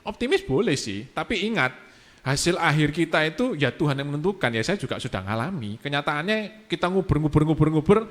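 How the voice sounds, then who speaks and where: A man, speaking as a guest in a casual church youth talk, relaxed and mixing in English phrases. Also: fairly high pitch, fairly quick.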